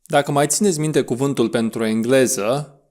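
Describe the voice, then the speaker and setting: A man's voice: mid-range voice, a little mellow. Man teaching English pronunciation. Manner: slow, drawn-out model words between brisk instructions. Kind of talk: audio language lesson.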